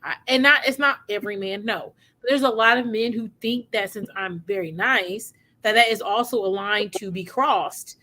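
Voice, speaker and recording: An American woman co-hosting a podcast, chatty and quick, often laughing through her words. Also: mid-range voice, bright, forceful tone. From United States. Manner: chatty, quick bursts, laughs while talking. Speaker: podcast co-host. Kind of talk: casual chat.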